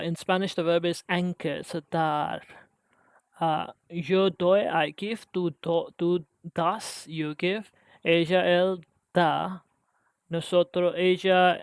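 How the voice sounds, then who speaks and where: A man practicing language conjugations aloud on his own, halting and restarting often as he works through a lesson. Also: sits high, fairly even intonation, clear, resonant tone, dry recording. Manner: halting, with frequent restarts and hesitations. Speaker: language learner. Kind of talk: self-study language practice.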